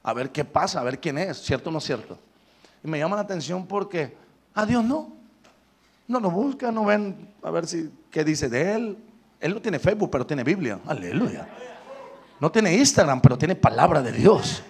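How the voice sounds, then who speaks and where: A man's voice: on the high side, expressive, moderate pace, husky. A male Pentecostal evangelist preaching a sermon, calling out to the congregation with frequent hallelujahs. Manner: loud, call-and-response preaching with many hallelujahs.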